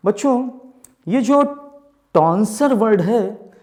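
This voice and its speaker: Male vocab teacher, high voice, slow deliberate delivery, roomy echo. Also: expressive, darkish tone. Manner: addresses students as children, asks questions and answers them himself; spells out and repeats words slowly. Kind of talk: vocabulary lesson for exam students.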